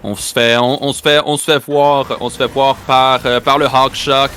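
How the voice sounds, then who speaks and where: A man's voice: medium pitch, level tone, normal speed, bright, forceful tone, a little hiss or hum. A man with a Quebec French accent giving live esports match commentary, often repeating and restarting his phrases. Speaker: esports play-by-play caster.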